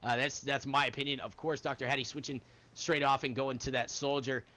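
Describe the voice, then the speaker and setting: A man doing energetic play-by-play commentary on an esports match, calling the action in quick bursts. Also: medium pitch. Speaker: esports caster.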